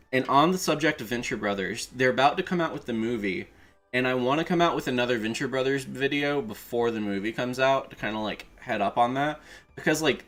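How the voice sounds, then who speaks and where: A man's voice: mid-range voice, fairly bright tone. A man chatting casually on a livestream as an enthusiastic fan, swearing now and then. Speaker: streamer, video creator. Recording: music playing behind the voice. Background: background music.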